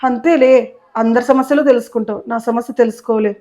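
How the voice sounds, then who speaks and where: A woman's voice: a little high, fairly even intonation, a little fast, dark tone, close to an everyday voice. A woman playing a whiny, self-pitying young patient in a comic sketch, speaking.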